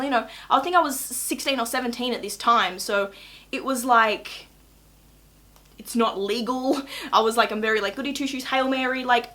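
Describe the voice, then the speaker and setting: A nineteen-year-old Australian woman telling a casual storytime to camera in a chatty, gossipy, excitable way with dramatic emphasis. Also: fairly high pitch. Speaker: YouTube vlogger.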